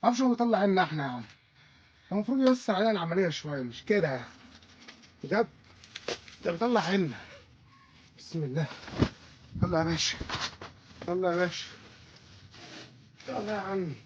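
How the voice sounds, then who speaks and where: A high-voiced Egyptian man hawks his carpets, chatty and quick to repeat short catchphrases. The recording sounds dull and lo-fi, with a faint hiss behind him. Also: animated. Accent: Egyptian Arabic. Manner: chatty, repeats short phrases like a market hawker. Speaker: carpet seller. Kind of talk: casual market sales pitch.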